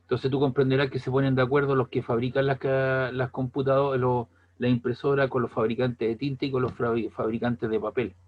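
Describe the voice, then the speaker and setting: A man's voice: mid-range voice, little pitch movement, fairly quick, few pauses, muffled recording. A man with a Chilean accent giving a classroom lecture in a conversational way, often checking whether the students follow. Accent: Chilean Spanish. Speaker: teacher.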